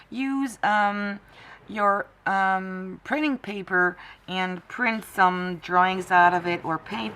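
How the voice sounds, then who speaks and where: A woman's voice: on the low side, fairly bright tone. A woman from France with a French accent, hosting a casual craft tutorial in a chatty, rambling way with many fillers.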